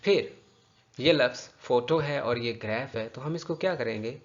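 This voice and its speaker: A man teaching English pronunciation, repeating words slowly and deliberately to drill them. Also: mid-range voice. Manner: drills words by slow, drawn-out repetition. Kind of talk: bilingual pronunciation lesson. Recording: dull lo-fi recording.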